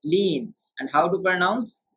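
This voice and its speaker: A man with a somewhat high voice leads a beginner's tajweed lesson. He explains rules one by one and keeps quizzing his student. The sound is muffled and lo-fi. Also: measured pace, a bit bright, husky. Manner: patient, quizzes the student with questions. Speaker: Quran tajweed teacher. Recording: dull lo-fi sound.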